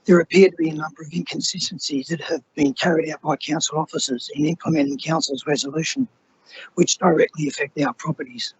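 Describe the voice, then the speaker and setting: Hoarse man, formal and measured, slightly high and very husky, reading a statement at a council meeting. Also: steady tone, lo-fi sound. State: hoarse, voice nearly gone. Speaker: resident addressing council. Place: council chamber.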